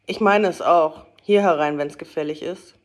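A woman's voice: low-pitched, normal speed, lightly acted. A woman voicing an elderly male merchant, mock-stern with his clerk and then earnest and hearty, in a storybook reading. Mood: mock-gruff.

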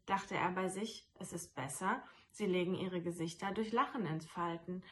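A woman's voice: on the low side, a little hiss or hum. A woman narrating a classic story as an audiobook, reading expressively and voicing the characters. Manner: lively, voices the characters.

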